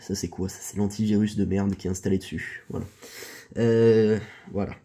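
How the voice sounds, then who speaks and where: A man's voice: lowish voice, fairly even intonation, normal speed, mellow, breathy edge. A man giving a casual laptop review, talking informally with many hesitations, fillers and restarts, and the odd joke. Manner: chatty, informal, joking. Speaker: tech reviewer.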